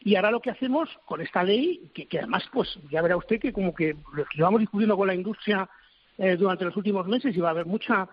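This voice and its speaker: A government official answering interview questions, a man who talks haltingly and searches for his words. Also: high-pitched, slight background noise. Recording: dull lo-fi recording.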